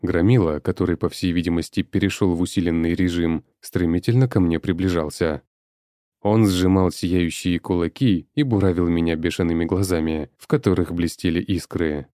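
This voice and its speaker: A man's voice: deep voice, steady tone, moderate pace, mellow, no room sound, clean studio sound. A man reading a first-person audiobook in a wry, sardonic storytelling manner. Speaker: narrator.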